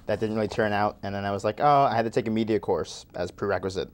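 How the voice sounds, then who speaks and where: A man's voice: on the low side, steady tone, fast talker. A man in his twenties, originally from Chile, talks at length as a guest filmmaker in a loose, rambling way, full of "like". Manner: rambling, with many "like"s. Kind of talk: casual interview chat.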